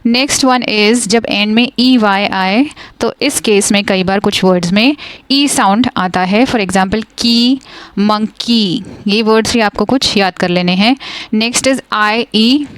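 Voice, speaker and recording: Slow, clear teacher woman. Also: medium pitch, dry recording. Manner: switches between slow, drawn-out example words and fast explanations. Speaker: phonics teacher. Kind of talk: explaining a lesson, mixing Hindi and English.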